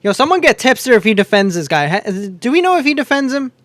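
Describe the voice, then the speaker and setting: A man's voice: very high voice, sing-song, fast talker, fairly bright tone, no room sound. A man hosting a casual online news commentary show, laid-back and sarcastic in tone.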